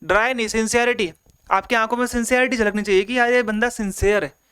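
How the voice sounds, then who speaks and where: Guy teaching an exam prep class online, super smooth clear voice, walks thru examples and throws in english words. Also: high-pitched, fairly even intonation, fast, fairly bright tone. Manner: explains in simple repeated steps, acts out examples; mixes Hindi with English terms. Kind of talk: online lecture.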